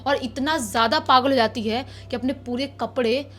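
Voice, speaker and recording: High-voiced woman telling a horror tale. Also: moderate pace, a little hiss or hum. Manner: chatty, repetitive, animated retelling. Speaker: storyteller. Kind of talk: casual spoken horror story. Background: faint background music.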